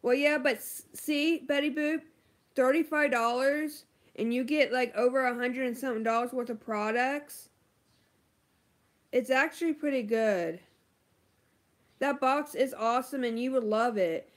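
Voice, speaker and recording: Chatty beauty vlogger, a woman with a slightly high voice, talks slowly and casually to her viewers. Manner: chatty, lots of ums and likes, apologetic. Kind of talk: casual livestream chat, answering viewer comments.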